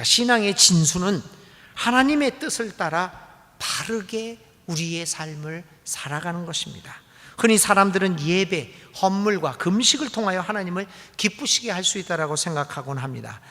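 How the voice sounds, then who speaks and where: Male pastor, sermon, dramatic rhetorical questions, lively swooping delivery, echoing church hall. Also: on the high side. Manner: dramatic, acts out pleading voices and rhetorical questions. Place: church sanctuary. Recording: long reverb of a church hall.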